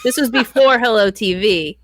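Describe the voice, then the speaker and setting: A woman's voice: on the high side, moderate pace, dry recording, studio quality. A woman guest on a podcast, chatting casually and laughing often as she recalls funny moments. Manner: giggly, laughs often while telling stories. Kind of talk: casual chat.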